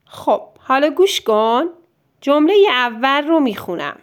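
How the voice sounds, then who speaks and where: A woman teacher, dictating sentences word by word to a child and gently encouraging them. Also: high-pitched, expressive. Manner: drawn-out syllable-by-syllable dictation. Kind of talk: slow dictation lesson for a child.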